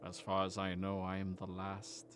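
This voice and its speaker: A man voicing a creepy, lanky, quietly friendly last survivor of a dead race in a tabletop game, soft-spoken and deliberate, with phlegm in his throat. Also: sits low, monotone, noisy background, lightly acted. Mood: grave.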